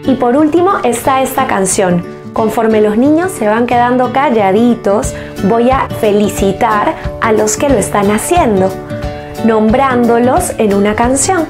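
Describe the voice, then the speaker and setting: Woman teacher, measured and unhurried, giving clear tips, background music throughout. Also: on the high side. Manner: calm, clear, measured instruction. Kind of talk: explaining classroom techniques to teachers. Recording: steady music playing under the voice.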